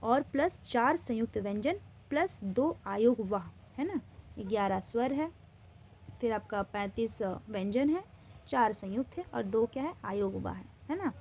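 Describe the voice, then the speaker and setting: Indian-accented woman teacher, mellow voice, self-quizzing lesson delivery, faint background hiss. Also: a little high, animated, measured pace. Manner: asks a question then answers it herself, repeats key terms. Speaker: Hindi grammar teacher. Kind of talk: classroom lesson, asking and answering quiz questions.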